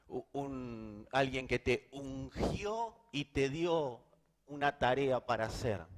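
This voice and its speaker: A pastor with a Rioplatense Spanish accent, middle-aged, delivering a sermon. His voice sits at an ordinary pitch for a man. He pulls his delivery down to a hushed, intense tone and then bursts into loud emphasis.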